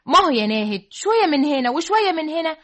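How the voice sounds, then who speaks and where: Bright, high-pitched Egyptian housewife. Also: female voice, sing-song, quick pace. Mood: coaxing. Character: coaxing, exasperated middle-class wife and mistress. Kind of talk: old Egyptian radio comedy acting.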